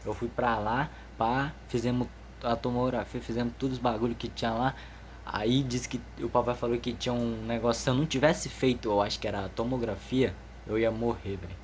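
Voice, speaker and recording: A man's voice: medium pitch, steady tone, fairly quick, a little hiss or hum. Teenage boy, slightly nervous, slangy, rambling, casual storytelling. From Amazonas, northern Brazil. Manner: slangy, rambling, many restarts. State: a bit nervous. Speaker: vlogger.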